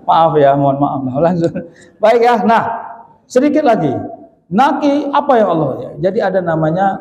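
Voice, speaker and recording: Male preacher, high and mellow, in an echoey, muffled mosque hall. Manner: lively storytelling, often calls out to the congregation. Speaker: Islamic preacher. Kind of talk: humorous mosque sermon.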